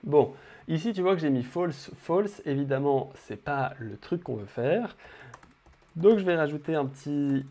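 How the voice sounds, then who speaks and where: Casual young French-speaking coding tutor. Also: male voice, a little high, expressive, unhurried, dark tone. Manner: casual, addresses viewer directly, frequent fillers. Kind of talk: screen-recorded coding tutorial.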